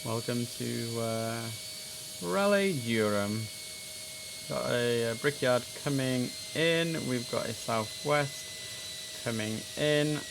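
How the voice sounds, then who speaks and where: A male streamer plays an air traffic control simulator, chatting and thinking aloud with clipped radio calls mixed in. His mid-range voice is gravelly and animated but slow-paced, set against a noisy background.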